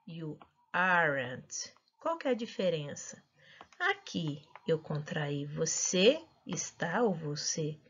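Slow, lively Brazilian teacher woman. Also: medium pitch, breathy edge. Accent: Brazilian Portuguese. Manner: slow, careful, lively teaching voice with drawn-out example phrases. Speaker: English teacher. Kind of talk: explaining grammar to students. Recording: dull lo-fi recording.

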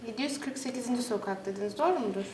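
Echoey, high-pitched woman in customer service voice. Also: racing. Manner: formal customer service voice, courteous. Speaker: call centre agent at a municipal help desk. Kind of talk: polite scripted customer service phone talk. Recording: roomy, distant mic, clear background noise with clicks.

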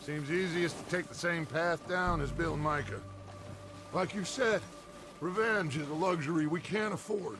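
An actor playing a commanding, grandiose middle-aged outlaw gang leader in a video game, with an American accent and a gravelly, deliberate, theatrical delivery. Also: male voice, on the high side, music in the background, close to an everyday voice. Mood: persuasive, insistent. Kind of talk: dramatic video game acting.

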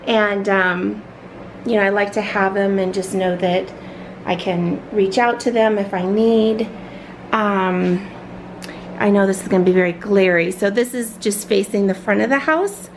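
A middle-aged woman talks her way through a tour of her home office, unhurried and full of little fillers. Her voice has a gravelly, creaky edge. There's a faint background hiss, like a camera held in a small room. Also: mid-range voice, low-quality recording. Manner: chatty, filler-heavy, fond of her things. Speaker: home vlogger. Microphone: handheld camera.

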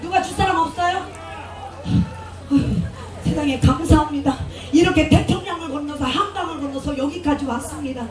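Woman performer, high bright voice, bantering with the crowd through a booming stage mic. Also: normal speed. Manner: joking, chatty, effusive thanks. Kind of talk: banter with a live audience. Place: outdoor festival stage. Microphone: stage PA microphone. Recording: echoey PA sound, taped from far off, crowd noise.

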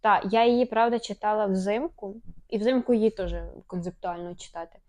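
A young woman co-hosting a casual chat, playful and quick with a laugh. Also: medium pitch, darkish tone. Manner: playful, laughs between lines. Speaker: podcast co-host asking questions.

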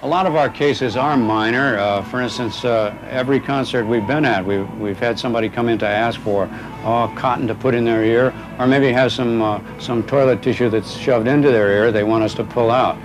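A man in an interview explaining his job coordinating medics, speaking plainly with many pauses. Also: medium pitch, low-quality recording. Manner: plain, hesitant with fillers.

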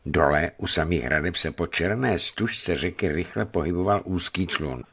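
A man reads a historical novel aloud with measured, expressive narration. His voice is very low yet moves widely in pitch. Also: slightly rough. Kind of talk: scripted audiobook narration.

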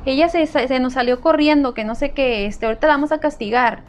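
A woman voicing a deceitful adult woman who insists a child is her daughter, in a high, pleading, insistent tone. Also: fairly quick, a little hiss or hum, close to an everyday voice.

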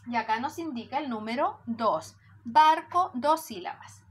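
A woman teaching preschoolers, patient and warm, stretching out syllables as she counts them. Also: a little high, expressive, normal speed, breathy edge. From Chile. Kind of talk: slow lesson for young children.

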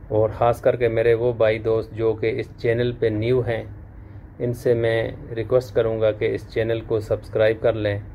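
A man in his thirties hosting his own channel, giving a measured, formal news update to the camera from a small room. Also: on the low side, mellow, slight background noise. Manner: slow, measured, formal greetings. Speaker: channel host. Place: small indoor room, plain wall.

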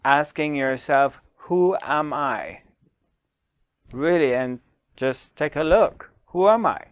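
A middle-aged man, a spiritual teacher, speaking slowly to the camera with long pauses and repeated questions, on a lapel mic in a small studio. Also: a little high, expressive, clean tone, dry recording, muffled recording. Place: small dark studio, indoors.

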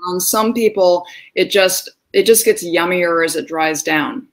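A woman's voice: on the low side, unhurried. A woman talking as a guest in casual conversation, effusive and descriptive, with many hesitations. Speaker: guest fragrance reviewer.

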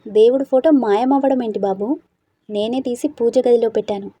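A curious, motherly older housekeeper played by a woman narrator in a storybook reading. She pries with eager questions in a dark, husky voice. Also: on the high side, moderate pace, no echo. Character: nosy older female housekeeper.

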